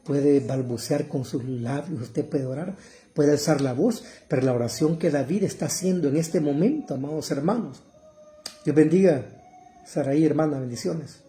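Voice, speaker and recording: A middle-aged man preaches with fervor, often calling out to his brothers and sisters. His voice sits a little high yet sounds very dark and mellow. Now and then he swells into loud, pleading cries. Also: normal speed. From El Salvador. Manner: fervent, addresses listeners as brother, rises to loud cries when quoting. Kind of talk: sermon.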